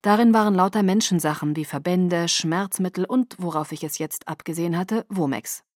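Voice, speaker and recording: Low-voiced woman reading an audiobook. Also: moderate pace, darkish tone, no room sound, studio quality. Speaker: audiobook narrator. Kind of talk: first-person audiobook narration.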